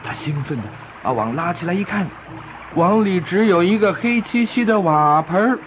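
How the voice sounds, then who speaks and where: Here a man's high, expressive voice moves at a moderate pace through a scripted children's tale, making everything simple and lively for small listeners. The recording is dull and lo-fi, with music playing behind.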